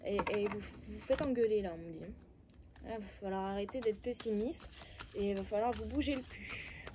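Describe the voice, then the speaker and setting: A woman's voice: mid-range voice, normal speed, background noise. A woman with a Belgian French accent gives a casual oracle card reading, speaking straight to her viewers with coaxing but blunt advice and many hesitations.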